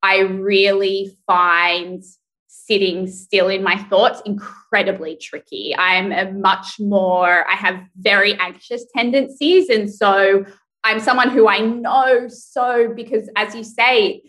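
A woman's voice: medium pitch, fairly even intonation, slow, fairly bright tone, rough recording. A woman guest on a podcast, talking candidly and reflectively, thinking aloud as she answers. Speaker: guest, brand executive. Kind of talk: podcast interview.

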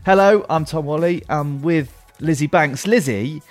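A man's voice: fairly high pitch, measured pace, faint music behind. A man with a Nottingham accent, chatting casually as a podcast host in a teasing way. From Nottingham, England. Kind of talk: casual chat.

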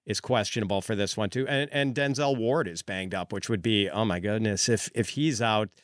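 A man's voice: lowish voice, normal speed, dry recording, studio quality. A man analyzing fantasy football on a podcast, talking casually and reflectively with frequent small fillers. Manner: thoughtful, lots of fillers like uh and um. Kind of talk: casual sports chat.

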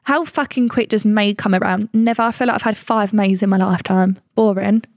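A woman's voice: medium pitch, steady tone, brisk, no echo, clean studio sound. A young British woman co-hosting a casual chat, blunt and sweary, her voice nasal and blocked up from a cold. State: has a lingering cold. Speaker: co-host.

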